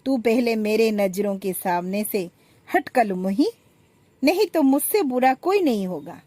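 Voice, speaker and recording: A woman's voice: high-pitched, measured pace, no echo, voice pushed up. A woman voicing a spiteful, pregnant elder daughter-in-law who screeches insults in a storybook tale. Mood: screaming.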